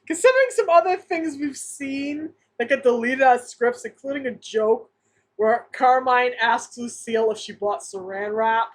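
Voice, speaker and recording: A woman's voice: fairly high pitch, normal speed. A woman co-hosting a podcast in casual, enthusiastic chat, laughing often. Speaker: podcast co-host.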